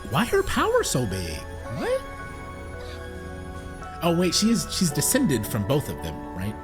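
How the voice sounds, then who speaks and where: A man's voice: a little high, wildly swooping pitch, a little slow. A man streaming a video game, chatting casually and joking about himself, swearing freely as he plays. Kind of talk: casual let's-play commentary. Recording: game music playing behind.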